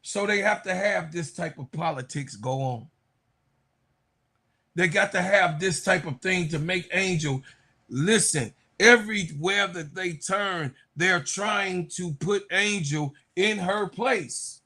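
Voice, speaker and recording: A man's voice: high voice, takes it slowly, bright, forceful tone. A man co-hosting a podcast, arguing heatedly about basketball with emphatic, repetitive, preachy points. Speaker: podcast co-host. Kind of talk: heated sports debate.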